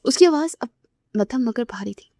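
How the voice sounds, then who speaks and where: A woman narrating a romance novel aloud in a soft, emotive way, sometimes dropping to a whisper. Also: fairly high pitch, animated, no echo, clean studio sound.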